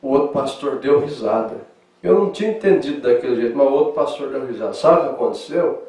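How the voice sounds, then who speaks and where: Pastor brasileiro em salão com eco. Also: male voice, mid-range voice, fast, far from the mic. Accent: southern Brazilian Portuguese. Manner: animated, swings from loud emphasis to soft asides; acts out quoted dialogue in lively voices. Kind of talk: Sunday school sermon. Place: church hall. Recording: echoey church hall, mic from afar.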